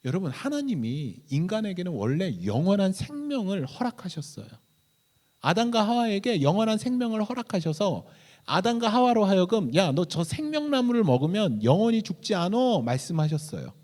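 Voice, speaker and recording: A man preaching a sermon as pastor, with dramatic swings from loud declarations to whispered asides. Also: sits high. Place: church sanctuary. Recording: church hall reverb.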